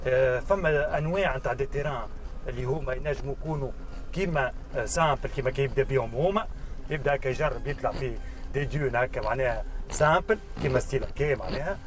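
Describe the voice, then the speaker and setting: A man's voice: medium pitch, fast talker. A man in his thirties with a Tunisian accent, hosting a casual car test drive outdoors and in the car, chatty and slipping French words in. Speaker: car reviewer and host. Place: outdoors in desert, then inside a car. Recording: music playing under the voice.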